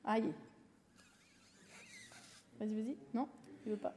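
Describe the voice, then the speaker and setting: A woman giving a lively sermon in church, acting out an illustration with a balloon. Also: a little high, slow, in a large hall, background noise. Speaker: church speaker. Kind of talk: sermon with object lesson.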